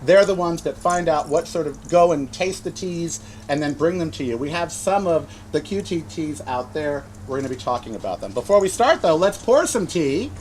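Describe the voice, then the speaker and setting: An older male host with a campy, joking way of chatting. His pitch swings widely and lively as he teases his guests. The talk is casual and unscripted. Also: moderate pace, hardly any pauses, a little hiss or hum, low-quality recording. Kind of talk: casual talk show chat.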